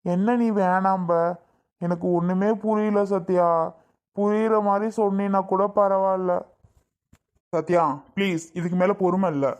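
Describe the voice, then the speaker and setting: A woman voices an eager young husband in a homemade family skit. The voice sits mid-pitch and presses the same questions over and over, pleading and insistent. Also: steady tone, a little slow, a little mellow, clean tone, natural voice. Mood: impatient. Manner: pleading, repeats himself insistently. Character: eager young husband, anxious then overjoyed. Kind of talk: Tamil family skit acting.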